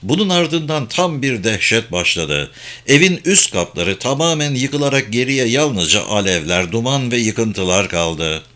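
A man narrating an audiobook in a steady, dramatic way. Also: mid-range voice, measured pace. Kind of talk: scripted narration.

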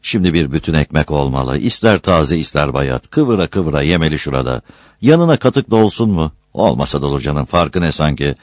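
Narrator doing a poor orphan kid, mumbly short answers, dry close sound. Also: male voice, extremely low pitch, sing-song, moderate pace, dry recording. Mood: musing. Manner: curt, reluctant one-word answers. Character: poor orphaned village youth, shy and stubborn.

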